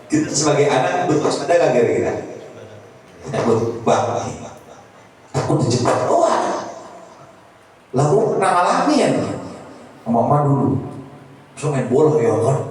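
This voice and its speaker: A man preaching a casual Islamic sermon, swinging between high pleading cries and low confiding asides. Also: very animated, a little slow, long pauses, slight background noise. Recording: very echoey, voice far from the mic.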